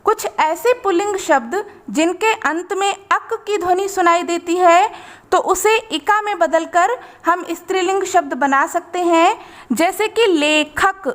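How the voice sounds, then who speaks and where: A woman teacher giving a grammar lesson, reading word pairs in a measured list and explaining each rule. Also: extremely high pitch, a bit bright. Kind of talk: slow, deliberate grammar lesson.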